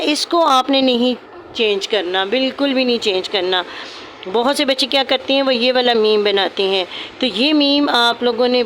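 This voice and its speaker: A woman's voice: a little high, a bit bright, a little hiss or hum. A woman, teaching a calligraphy lesson step by step in a patient way and repeating her points. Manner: patient, repeats points, calls students "beta".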